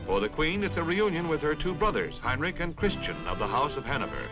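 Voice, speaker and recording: A man's voice: a little high, very animated, fast talker, poor audio. A man giving dramatic, declamatory 1950s newsreel narration with wry quips, heard as old newsreel sound from a film soundtrack. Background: music.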